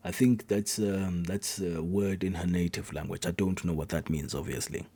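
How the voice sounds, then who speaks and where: A man reacting to a poem, giving thoughtful, analytical commentary that often trails off quietly at the end of a thought. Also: deep voice, fairly even intonation, normal speed, no echo.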